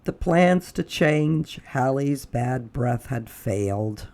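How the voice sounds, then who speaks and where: A storytime reader with a bass voice, she takes a children's picture book aloud in an expressive style. She uses dramatic pauses and falls into whispers at times.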